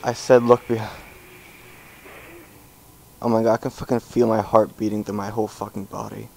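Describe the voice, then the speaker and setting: A man's voice: on the low side, level tone, fast talker, gravelly, a little mellow, low-quality recording. A young man commenting on a horror game as he plays, jumpy and swearing, with panicked outbursts. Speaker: gamer. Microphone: headphones with desk mic.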